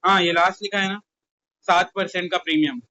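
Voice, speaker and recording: A man's voice: high voice, fairly even intonation, fairly quick, pushed and bright, dull audio. Chatty Indian man teaching a class. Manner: chatty, teasing students. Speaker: commerce tutor. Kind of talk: casual classroom talk.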